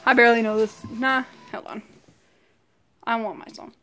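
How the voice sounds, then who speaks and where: High-voiced playful woman vlogger. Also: fairly even intonation, normal speed, fairly bright tone, faint music behind. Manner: playful, talks to her dog, laughs often. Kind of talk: casual home vlog.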